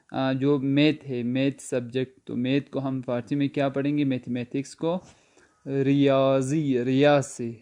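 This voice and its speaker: A male teacher leads an online language lesson in a smooth, resonant voice. His tone is mellow, and he keeps asking the class questions before answering them slowly. He often spells words out letter by letter, with many hesitation sounds. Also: mid-range voice.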